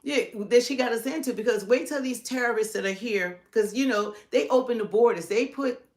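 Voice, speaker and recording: A woman's voice: fairly high pitch, brisk, crowd noise. A middle-aged woman with an American accent co-hosting a live stream, giving casual, emphatic political commentary and piling up points in lists.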